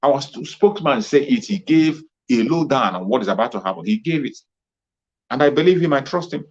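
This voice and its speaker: Husky, fervent man. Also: mid-range voice, animated, brisk. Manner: fervent, repetitive, rallying tone. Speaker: political commentator. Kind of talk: impassioned political monologue. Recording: muffled lo-fi recording.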